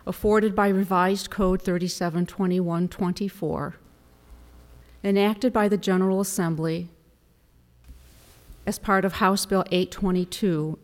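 A woman attorney delivering a formal oral argument to a court in a deliberate, emphatic manner. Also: fairly low pitch, darkish tone. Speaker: appellate attorney. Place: large courtroom. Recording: reverberant hall.

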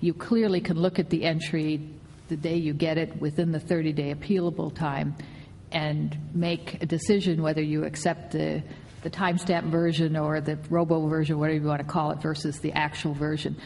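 A woman's voice: sits low, flat delivery, moderate pace, creaky, mellow. A woman speaking as a judge, putting probing, plain-spoken questions to counsel in a courtroom. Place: large courtroom. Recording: reverberant hall, faint noise.

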